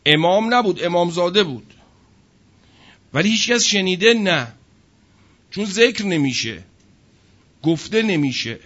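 A man's voice: high voice, creaky, a bit bright, highs cut off. A man giving a sermon to an audience, emphatic and full of rhetorical questions. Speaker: religious speaker.

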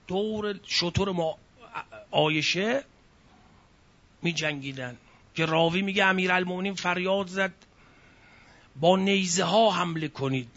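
A man preaching a sermon in a high, bright voice, telling the story with feeling and breaking into sighs and cries. The recording is dull and muffled, like an old lo-fi tape.

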